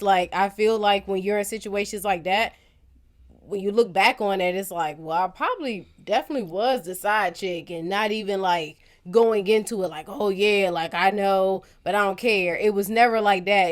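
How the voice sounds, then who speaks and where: A woman co-hosting a casual chat podcast, candid and rambling, thinking out loud and saying "like" a lot. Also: mid-range voice. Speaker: podcast co-host.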